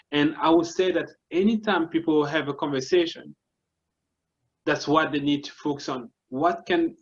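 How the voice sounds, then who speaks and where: With a Congolese French accent, a man speaks at a fairly high pitch over lo-fi audio. He's a marketing consultant appearing as a guest, earnestly walking through his ideas step by step and often restarting sentences in casual, explanatory interview talk.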